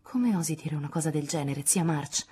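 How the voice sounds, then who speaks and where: A woman's voice: on the low side, animated, a little fast, warm tone, slightly rough. A woman voicing a proud, resolute young woman, speaking firmly and with indignation in an audiobook. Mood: indignant. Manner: indignant, firm, spirited. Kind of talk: audiobook dialogue reading.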